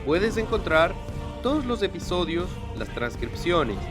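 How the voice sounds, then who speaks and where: A man hosting a travel podcast, lively and mixing Spanish with Portuguese as he interviews a guest. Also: sits high, a little slow, music in the background. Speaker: podcast host.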